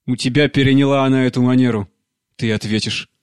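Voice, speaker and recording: An older priest's wife, distraught and bitter, close to tears, as a male narrator puts her on. The voice stays near the reader's own, flat and dry. A plain audiobook reading. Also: medium pitch, quick pace, clean tone, dry recording, lightly acted.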